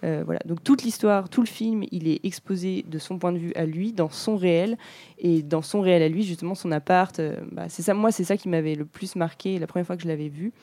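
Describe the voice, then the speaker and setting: Podcast co-host, woman, late 20s, warm mellow tone, halting casual delivery, dry close mic. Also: on the low side, no echo. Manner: hesitant, many fillers and restarts. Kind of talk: casual film-review chat.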